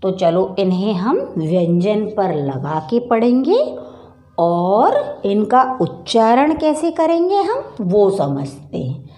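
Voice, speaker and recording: A woman teaching children the Hindi vowel signs, slowly and patiently sounding out each letter. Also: mid-range voice, very animated, mellow, echoey room.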